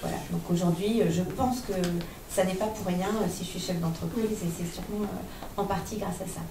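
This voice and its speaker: A woman on a discussion panel who founded a company, speaking in a measured, hesitant way with many fillers. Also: fairly low pitch, steady tone, creaky. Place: conference room. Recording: echoey room, distant mic, faint noise.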